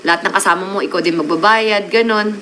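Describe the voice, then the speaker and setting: A woman's voice: mid-range voice, quick pace, sharp tone, slight background noise, rough recording. A woman hosting a casual live stream, chatting with her viewers and mixing English words into her Tagalog.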